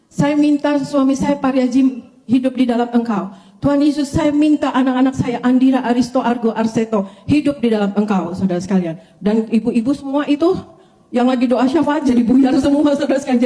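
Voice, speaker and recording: Older woman, pastor, church testimony, mellow voice, animated storytelling. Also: medium pitch. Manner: animated storytelling, often addressing listeners as brothers and sisters. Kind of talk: testimony sermon to a congregation.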